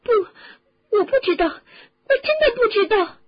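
A woman voicing a studious, overworked teenage witch girl who talks high and eager and turns shrill when upset. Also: big pitch swings, takes it slowly, dull audio, exaggerated voice.

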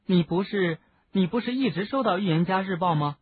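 A man reading an audiobook, raising his voice to play an anxious, sharp-tongued teenage girl witch who hesitates. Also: big pitch swings, moderate pace, slightly rough, heavily acted. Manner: hesitant, raised pitch. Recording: narrow phone-like lo-fi sound.

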